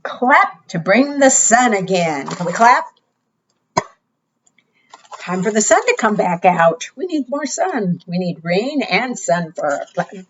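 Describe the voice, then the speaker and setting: A woman reads to preschoolers in the manner of a kids' show host. Her mid-pitched voice moves slowly and swings widely in pitch, sing-song and coaxing, with questions for her young listeners. The recording sounds slightly dull and lo-fi. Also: slight background noise. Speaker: children's storytime host. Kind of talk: preschool storytime read-aloud with rhymes and counting.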